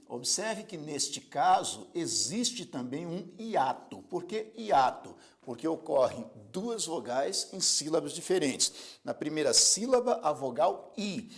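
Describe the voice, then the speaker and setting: Lively didactic male grammar teacher. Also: fairly high pitch. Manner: didactic, spells out words syllable by syllable; addresses students directly with repeated prompts to observe. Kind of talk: recorded video lesson.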